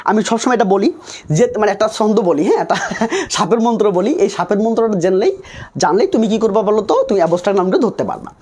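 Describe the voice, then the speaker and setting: Young male tutor, rapid coaxing delivery, breathy high tone. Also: sing-song, darkish tone. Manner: coaxing, keeps repeating and quizzing students. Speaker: English tutor for nursing exams. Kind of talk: live online class.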